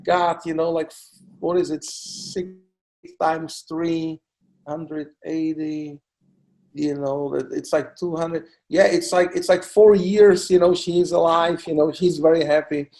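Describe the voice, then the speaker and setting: A middle-aged man from the Republic, a cancer doctor answering interview questions in a halting way, full of "you know" fillers. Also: fairly high pitch, steady tone, darkish tone. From Czech Republic. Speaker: oncologist guest. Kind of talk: expert interview.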